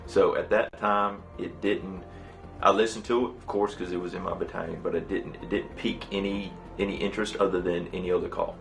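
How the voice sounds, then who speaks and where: A low, creaky male voice, middle-aged and flat in intonation, recalls events as a fire chief in a documentary interview. He is halting and matter-of-fact. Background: background music.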